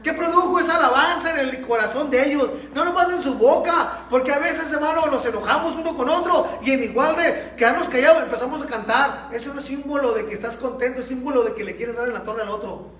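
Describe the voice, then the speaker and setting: A man's voice: very high voice, quick pace, hardly any pauses, fairly bright tone, a little hiss or hum. A man preaching a Sunday school sermon in a church, telling stories with animation and speaking straight to the congregation. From Mexico. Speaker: pastor. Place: church hall. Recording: echoey church room, mic at a distance.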